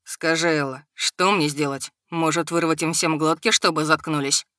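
A woman voicing a calm, menacing male dragon shapeshifter with a low, rumbling voice in an audiobook. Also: normal speed, no room sound, studio quality. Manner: cold, level, threatening. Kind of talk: audiobook character voice.

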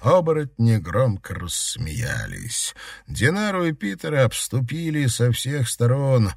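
Husky expressive audiobook narrator. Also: male voice, on the low side, dry recording, clean studio sound.

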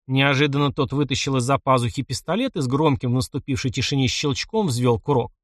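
A man narrating an adventure novel in an even storytelling voice. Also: mid-range voice, brisk, no room sound, clean studio sound. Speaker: audiobook narrator. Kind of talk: scripted narration.

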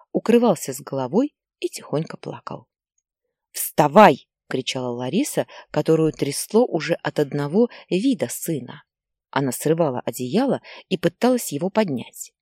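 A woman narrating a story in an expressive, dramatic reading style. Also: sits low, slightly rough, no room sound, studio quality.

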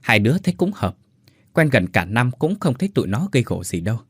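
A man's voice: mid-range voice, very animated, fast talker, husky, no echo, studio quality. A man doing a bossy, tearful female factory worker. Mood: sorrowful. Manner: bossy, scolding, then choked up.

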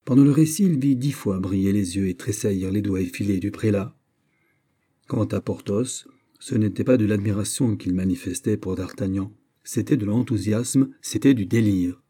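Narrateur à la voix sombre et voilée. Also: male voice, on the low side, normal speed, warm tone, husky. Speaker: audiobook narrator. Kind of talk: literary audiobook narration.

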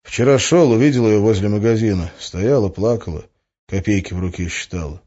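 A man's voice: fairly low pitch, fairly quick, mellow, husky, highs cut off. A man voicing an indignant young idealist. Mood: earnest. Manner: indignant, insistent. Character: young earnest idealistic male magician, indignant.

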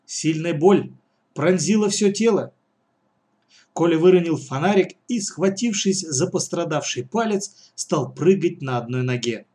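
A man's voice: a little high, lively intonation, a little slow, mellow. A man narrating a children's story.

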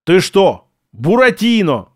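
Gruff bossy boss guy shouting at his staff, higher voice, dry close sound, a guy reading it out. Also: expressive, normal speed, no room sound. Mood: angry. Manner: barking, bossy. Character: stern middle-aged male boss, gruff.

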